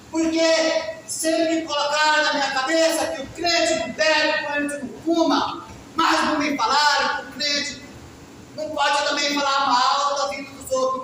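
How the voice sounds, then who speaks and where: A man preaching a fervent testimony sermon, sometimes breaking into shouts. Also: extremely high pitch, slight background noise. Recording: echoey hall from far off.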